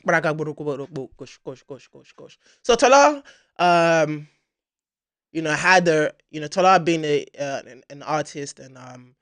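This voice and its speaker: A man co-hosts a casual podcast with a high, bright, forceful voice. He talks with animated emphasis, throwing in slang and repeating phrases to hammer his point. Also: slow pace, dry recording. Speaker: podcast co-host. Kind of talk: casual banter.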